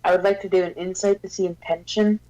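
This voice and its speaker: A player in a tabletop game, making brief, quick interjections and stating actions. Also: mid-range voice, little pitch movement, a little mellow, dull audio.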